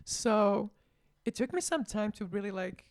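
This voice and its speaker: A woman, a guest on a casual radio chat, talking in an earnest, halting way with many fillers. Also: medium pitch, expressive, vocal fry.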